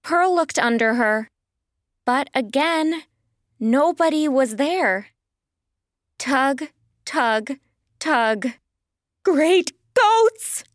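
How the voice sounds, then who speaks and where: A woman narrating a children's audiobook in a slow, sing-song storytelling manner, recorded close to a studio mic. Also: sits high, no room sound.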